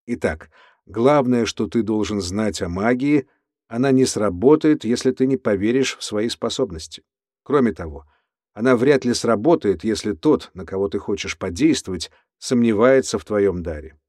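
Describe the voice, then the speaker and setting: A man voicing an eccentric, unhinged male prison cellmate who lectures and then flares into shouting, in an audiobook. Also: lowish voice, animated, normal speed, no room sound, studio quality. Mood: lecturing. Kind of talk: audiobook character voice.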